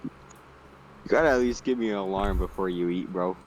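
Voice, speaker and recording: A young man co-hosting a podcast in casual chat, laughing often and quick to protest in disbelief. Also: low voice, slight background noise, low-quality recording. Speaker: podcast co-host.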